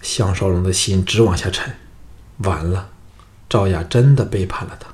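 A man narrating a historical novel as an audiobook, in a steady storytelling way. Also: deep voice, moderate pace.

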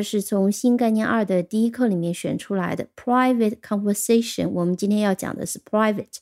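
A woman teaching English vocabulary, patiently explaining step by step and spelling words out letter by letter. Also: mid-range voice. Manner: explains step by step with soft fillers. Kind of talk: vocabulary lesson.

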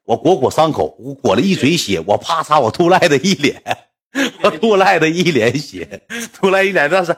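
A man's voice: fairly high pitch, sing-song, normal speed, slightly rough. A man with a Northeastern Mandarin accent telling a rambling, colloquial anecdote, often repeating himself. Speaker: storyteller.

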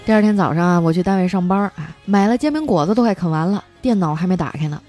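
A woman host telling comic stories in a lively, chatty way, stretching out her sentence-end particles. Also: lowish voice, quick pace, faint music behind. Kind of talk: comic storytelling monologue.

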